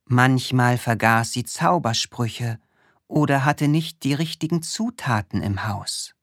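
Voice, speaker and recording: A woman reading a children's story aloud in a slow, expressive way. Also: very deep voice, no room sound, clean studio sound.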